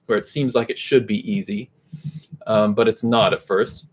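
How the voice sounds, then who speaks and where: A man's voice: on the low side, normal speed, husky. Man teaching guitar, chanting rhythm syllables. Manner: relaxed, chants rhythm syllables to demonstrate tempo. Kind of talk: casual instructional talk. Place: home room. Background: faint metronome clicks and guitar.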